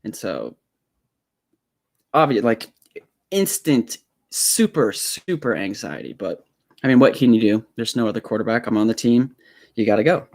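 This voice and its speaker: A man's voice: fairly low pitch, very animated, normal speed, pauses often, darkish tone, no echo. Nervous rambling young man on a live stream. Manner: nervous, rambling, many fillers and restarts. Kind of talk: casual solo live stream storytelling. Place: home room set up as a studio. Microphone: small desk microphone.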